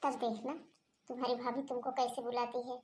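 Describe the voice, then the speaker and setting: A bossy, scheming mother-in-law in a cartoon, voiced by a woman. She scolds in a high, bright voice. A faint hiss sits under the speech. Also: flat delivery, a little fast, close to an everyday voice. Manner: scolding, shouting for her daughter-in-law. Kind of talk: cartoon dubbing.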